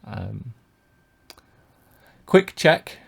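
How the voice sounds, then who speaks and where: Very slow and very animated, this British poker coach has a low, creaky, husky voice. He casually narrates his own live-streamed tournament hands, reasoning through each decision out loud with plenty of fillers and restarts.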